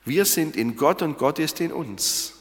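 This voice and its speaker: A man's voice: on the high side, lively intonation, a little slow. A man preaching a sermon on a Bible verse, talking in a conversational way and asking his listeners questions. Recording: long hall reverb.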